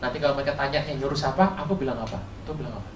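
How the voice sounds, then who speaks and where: A male pastor giving a lively sermon, firing rhetorical questions at his congregation and telling stories playfully. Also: mid-range voice, racing, noisy background. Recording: roomy, distant hall recording with faint ambience.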